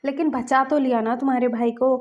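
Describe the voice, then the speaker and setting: A woman's voice: high-pitched, fairly even intonation, a little fast, lo-fi sound, lightly acted. A woman voicing an earnest lovestruck young man who pleads and protests in casual slang. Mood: earnest, protesting.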